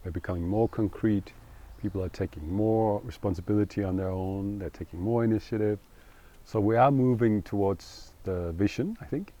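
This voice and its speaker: A middle-aged man, speaking in English, talking earnestly and thoughtfully in an interview and pausing to find his words. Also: lowish voice, mellow. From Denmark. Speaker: co-founder interviewee. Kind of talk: reflective interview talk.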